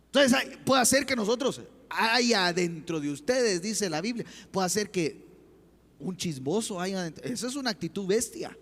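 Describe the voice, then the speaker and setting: A man's voice: sits high, lively intonation, normal speed, fairly bright tone. A man preaching a sermon as pastor, impassioned and full of rhetorical questions, in a church. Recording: long church hall reverb.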